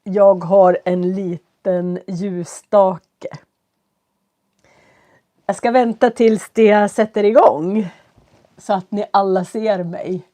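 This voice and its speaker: Woman, stuffy nose, slight cough, slow clear teacher talk, casual live-stream chat from home. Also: medium pitch, steady tone, mellow. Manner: slow, clear speech for learners, greeting viewers. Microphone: computer setup.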